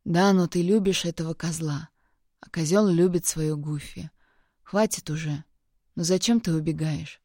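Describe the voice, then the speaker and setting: A woman reading an audiobook, voicing a rough young man who pleads bluntly with his girlfriend. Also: low voice, moderate pace, warm tone, no echo, clean studio sound. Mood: pleading.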